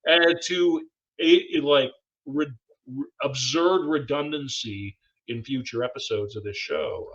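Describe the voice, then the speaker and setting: A man's voice: mid-range voice, sharp tone, highs cut off. A man co-hosting a podcast in casual chat, a former English teacher who talks in a playful, wordy, jokey way. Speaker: podcast co-host.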